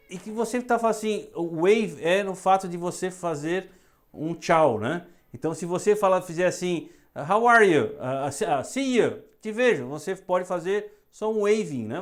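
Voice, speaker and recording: A woman with a Brazilian accent teaching English phrases in a lesson, saying each one slowly so students can repeat it. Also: lowish voice, darkish tone.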